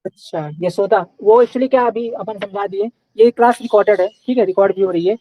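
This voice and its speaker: A man's voice: sits high, a little fast, dry recording, muffled recording. A young man teaching a live online class in a casual, chatty way, often checking in with his students.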